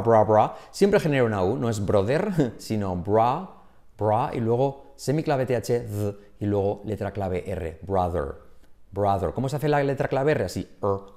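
A man whose first language is Spanish, teaching an online English lesson. He drills short phrases with energetic, exaggerated pronunciation. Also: medium pitch.

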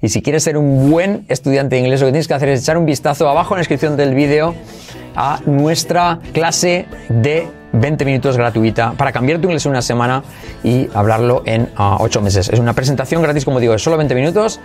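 A man's voice: medium pitch, darkish tone, faint music behind. Playful male English teacher. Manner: playful, jumps between languages, repeats phrases slowly. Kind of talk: English lesson for Spanish speakers.

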